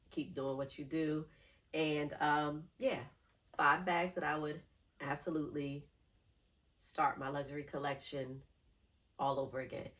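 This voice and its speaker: A woman with a nasal voice chats to camera in an unhurried, fond way. Her voice sits low and she drags out her words for emphasis. Pure casual vlog talk. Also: fairly bright tone. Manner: chatty, drawn-out emphasis, affectionate. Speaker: handbag collection vlogger.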